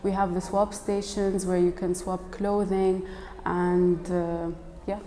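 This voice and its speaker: A woman in her early twenties from Lebanon speaks slowly and flatly in a low, dark voice with slight background noise as she offers a student testimonial. She sits indoors against a plain wall and banner, recorded in a reverberant hall with clear music beneath.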